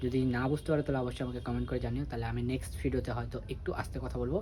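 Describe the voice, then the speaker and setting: Rapid-talking young man. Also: medium pitch, level tone, mellow. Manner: rapid chatty talk, addresses viewers as guys. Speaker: daily vlogger. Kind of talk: casual vlog chat to viewers.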